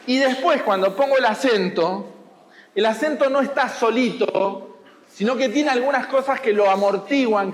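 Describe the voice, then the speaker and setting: An Argentine watercolor teacher with a Rioplatense Spanish accent leads a masterclass for students in a school hall, explaining patiently, teasing them now and then, and checking that they follow. His voice is high-pitched, and the room leaves a long reverb tail.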